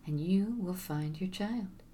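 A woman voicing a kind male snake who speaks in a slow, hushed whisper. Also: lowish voice. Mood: patient, earnest.

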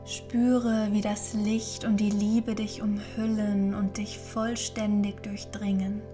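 A woman guides a meditation in a soft near-whisper. Her voice is dark and mellow, slow and even, with gentle, soothing instructions. Faint music plays underneath. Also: mid-range voice. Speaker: podcast host and guided meditation leader.

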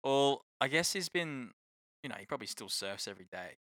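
A man's voice: mid-range voice, lively intonation, a little fast, bright, forceful tone, no room sound, studio quality. A man with an Australian accent co-hosting a casual sports chat in matey, slangy talk.

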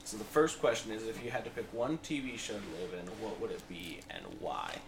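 A man's voice: on the low side, sing-song, a little fast, background noise. A young man hosting a casual podcast chat, teasing his guests and arguing his points. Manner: teasing, argumentative. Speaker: podcast host.

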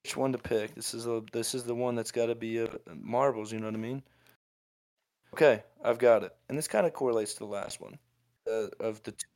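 Co-hosting a laid-back podcast, this twenty-something man rants his way through motivational advice, constantly restarting and correcting himself. He speaks briskly in a mid-range, darkish voice with fairly even intonation.

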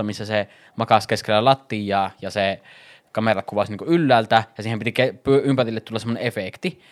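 A man hosting a casual podcast chat, chatty and laughing often, talking in quick bursts. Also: medium pitch.

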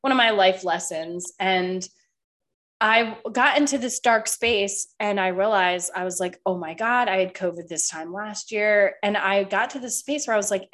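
This is a podcast host, a woman with a medium, slightly bright voice, chatting casually. She's a bit stuffed up and nasal with a small cough, talks loosely, swears freely, and leans heavily on "like."

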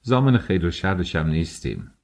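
Gruff impatient police captain, deep and curt, voiced by a male narrator. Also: very animated, a little mellow. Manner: curt, commanding.

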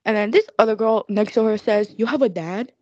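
A woman's voice: mid-range voice, fairly quick, darkish tone, dry recording. Ironic young Gen Z woman, slangy, lo-fi. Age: young adult. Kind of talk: casual chat to an audience. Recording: slightly dull lo-fi close recording.

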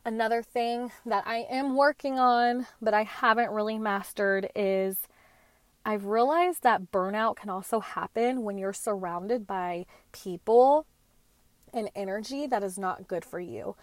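A woman's voice: mid-range voice, unhurried, no room sound. A woman in her late twenties hosting a podcast, talking on her own in a chatty, earnest way with slangy asides. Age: late 20s. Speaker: podcast host. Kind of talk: casual solo talk.

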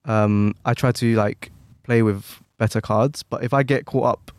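A man co-hosting a podcast in casual chat, rambling quickly with many restarts and fillers. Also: mid-range voice, fairly even intonation, no room sound. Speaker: podcast co-host.

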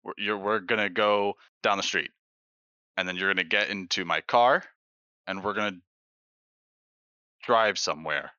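A man playing a tabletop game in character, hesitant with many pauses and restarts. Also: deep voice, sharp tone, smooth, no room sound, highs cut off. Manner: hesitant, lots of ums and restarts. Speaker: player.

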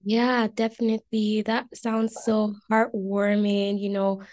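A woman's voice: medium pitch, little pitch movement, measured pace, a little mellow. Young woman hosting a podcast. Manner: friendly, affirming. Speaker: podcast host. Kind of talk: casual interview questions.

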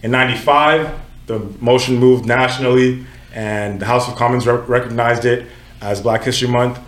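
A Nigerian man in his twenties hosts a casual group podcast at normal speed, his mid-range voice fairly even in intonation and the sound roomy. He's conversational, regularly corrects himself, and drops in "you know what I'm saying" frequently.

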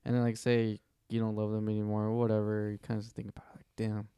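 A man's voice: lowish voice, monotone, racing, mellow, smooth, no room sound, studio quality. A man in casual podcast chat as a co-host, giving his opinions informally with some swearing.

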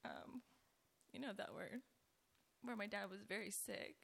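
A woman with a raspy voice giving a personal church testimony, speaking hesitantly with pauses. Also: mid-range voice, a bit bright.

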